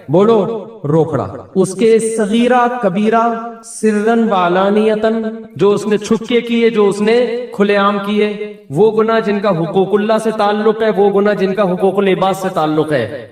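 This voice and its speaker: A man's voice: high voice, recorded from a distance. Male preacher, Pakistani Urdu accent, raised voice, asks then answers, mimics quoted people, echoey hall. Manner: asks the audience questions and answers them. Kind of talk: Islamic sermon.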